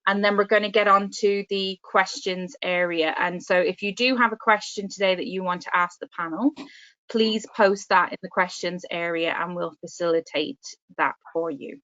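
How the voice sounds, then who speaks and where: A career consultant moderates an online workshop over a video call, upbeat and friendly with lots of fillers. The dull, lo-fi call audio carries her mid-range, fairly bright voice, which keeps a steady tone at a moderate pace.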